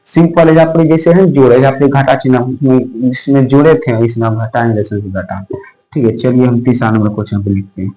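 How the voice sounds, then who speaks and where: A man's voice: mid-range voice, fairly even intonation, brisk, warm tone, faint music behind, poor audio. A man teaching a maths lesson online in a folksy, repetitive way, asking questions and answering them himself. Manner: folksy, addresses pupils as brother.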